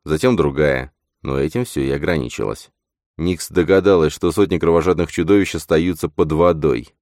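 A man reading a fantasy audiobook as narrator in steady scripted narration. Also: very deep voice, normal speed, no room sound, clean studio sound.

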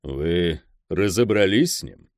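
A man voicing an old, stern crime boss who speaks slowly and curtly, grumbling his orders. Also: low-pitched, expressive, darkish tone, no room sound, clean studio sound. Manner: slow, curt, grumbling.

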